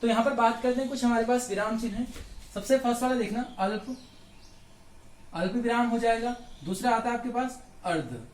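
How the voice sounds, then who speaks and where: A man's voice: very high voice, a little fast, reverberant, a little hiss or hum. A man with a Hindi accent teaching Hindi grammar by walking through exam questions, posing questions and answering them himself. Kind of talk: exam question walkthrough lesson.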